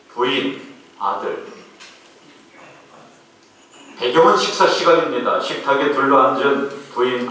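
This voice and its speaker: A man's voice: mid-range voice, a bit bright, a little hiss or hum. A male pastor giving a Sunday sermon, telling stories and acting out the dialogue of their characters. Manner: storytelling, acts out quoted dialogue. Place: large church sanctuary. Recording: echoey hall, distant mic.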